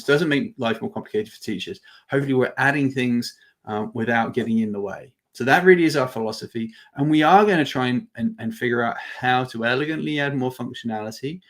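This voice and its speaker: This webinar host walks through a casual live demo of a product, stumbling over phrasing and saying words twice. He speaks in a mid-range voice.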